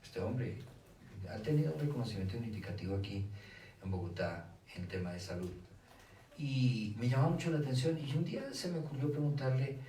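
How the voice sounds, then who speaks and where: A man's voice: medium pitch, fairly quick. Colombian man lecturing in echoey room. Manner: animated, asks rhetorical questions, acts out dialogue. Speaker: speaker on children's faith. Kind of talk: lecture to a live audience. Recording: echoey room from far off, faint hiss.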